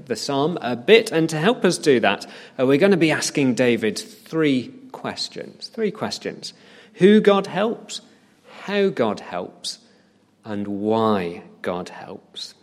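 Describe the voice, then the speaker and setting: A man preaching in a church hall, telling a vivid story with frequent "uh" fillers. His voice carries a long reverb from the room. He slows down to stress key words. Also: mid-range voice. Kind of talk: sermon.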